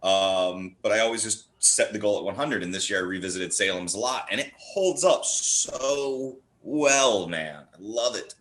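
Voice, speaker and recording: Speaking unhurriedly with a fairly low, slightly bright voice, this podcast guest, a horror writer and performer, barely pauses. His casual chat is informal and emphatic, full of eager-fan energy.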